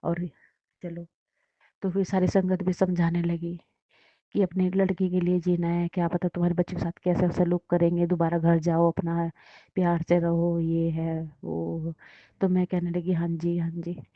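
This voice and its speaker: Woman, personal testimony, flat delivery, dull lo-fi sound. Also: lowish voice, a little slow, no room sound. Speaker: devotee sharing a testimony.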